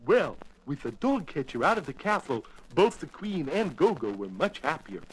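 Lively cartoon gorilla storyteller. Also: male voice, a little high, normal speed, breathy edge, low-quality recording. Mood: storytelling. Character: friendly pet-shop gorilla babysitter telling a bedtime fairy tale. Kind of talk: animated children's storybook narration. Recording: music behind the voice.

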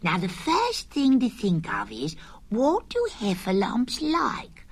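A woman voicing a small, timid male piglet in a high, fussy voice. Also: wildly swooping pitch, slow pace, husky, heavily acted. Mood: bossy.

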